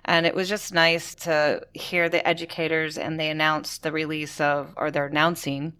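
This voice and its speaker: A female podcast co-host with a smooth, clear voice. It sits slightly low, and she chats casually like a teacher among colleagues. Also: level tone, normal speed, sharp tone. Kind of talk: casual chat.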